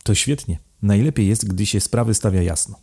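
A man's voice: lowish voice, moderate pace, gravelly, mellow, breathy edge. A male narrator voicing a frank young woman who talks coolly and bluntly in an audiobook. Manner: cool and blunt. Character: cool, frank young woman, a landowner's daughter.

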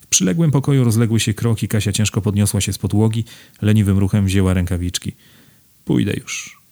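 A man narrating a novel in a measured, literary reading style. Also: on the low side, dark tone. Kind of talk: audiobook narration.

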